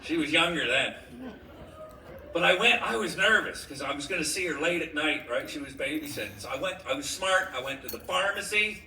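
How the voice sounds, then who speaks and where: A man's voice: a little high, expressive, a little fast, bright, forceful tone. A middle-aged man doing a stand-up comedy set, telling stories with punchy delivery and acting out voices. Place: comedy club stage before a live audience. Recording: echoey club recorded from far off, noisy.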